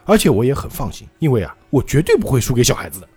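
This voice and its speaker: A man's voice: mid-range voice, sing-song, rapid-fire, a little mellow, husky. A man voicing a sadistic grown man who gloats over bullying children, in a smug, sneering manner.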